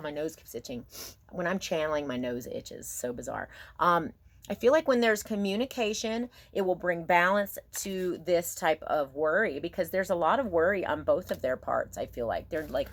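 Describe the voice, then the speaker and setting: Musing woman with a lowish voice reading tarot. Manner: musing, halting, asks herself questions and checks in with "okay?". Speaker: tarot card reader. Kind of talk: casual intimate tarot reading, thinking aloud.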